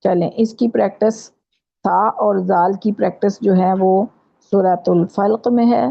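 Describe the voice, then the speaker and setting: A woman with a Pakistani Urdu accent teaching Quran pronunciation in an online class, patiently repeating letters slowly to demonstrate. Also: medium pitch, steady tone, creaky. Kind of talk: online tajweed lesson. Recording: dull lo-fi online class audio.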